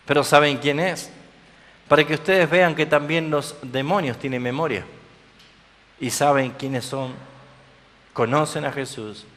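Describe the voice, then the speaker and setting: A man's voice: mid-range voice, fairly bright tone, big-room sound. A man preaching a sermon to his congregation, emphatic, with frequent questions to them. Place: church.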